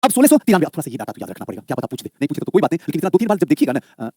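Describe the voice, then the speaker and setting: A man's voice: fairly high pitch, husky, dry recording, studio quality. A man teaching history, coaxing students and answering his own questions. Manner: fast, lively, repeats questions and answers them himself; coaxing, calls students "babu". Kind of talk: live online exam-prep lecture.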